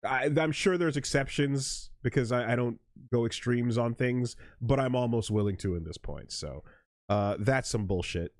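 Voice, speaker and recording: A man's voice: medium pitch, normal speed, no echo, clean studio sound. A man hosting a let's play, chatting casually about games in an emphatic, opinionated, sweary way. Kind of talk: casual gaming chat.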